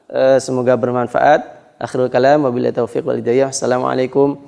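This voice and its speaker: A man teaching a lesson on Quran recitation rules, drawing out the Arabic examples slowly and deliberately. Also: medium pitch, little pitch movement, vocal fry, darkish tone.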